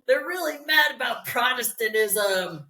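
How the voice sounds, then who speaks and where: Slow-talking woman with dry quips. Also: on the high side, expressive, bright, forceful tone. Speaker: podcast co-host. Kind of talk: casual chat.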